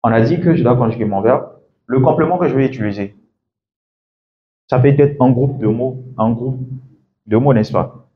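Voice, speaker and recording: Delivering a classroom lecture as an English coach, this man talks at a moderate pace in a medium pitch, leaving long pauses. He walks through each step and frequently asks "d'accord?", all in dull-sounding audio.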